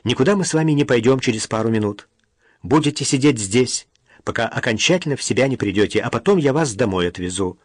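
A man's voice: medium pitch, animated, fast, no echo, studio quality, close to an everyday voice. A man voicing an anxious, insistent young woman. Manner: worried, insistent. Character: caring young woman, anxious then bossy. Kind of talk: audiobook character reading.

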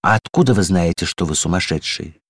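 A man voicing a brisk, suspicious female ambulance in a storybook reading, businesslike and questioning. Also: low-pitched, lively intonation, dry recording, studio quality.

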